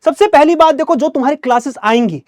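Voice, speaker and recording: A young man teaching English in an energetic online class, talking like a friendly big brother and often checking in with his students. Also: very high-pitched, quick pace, no room sound, studio quality.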